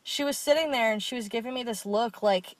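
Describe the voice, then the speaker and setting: A woman's voice: on the high side, brisk, no room sound. A young woman co-hosting a podcast, telling stories candidly and swearing freely in casual chat. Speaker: podcast co-host.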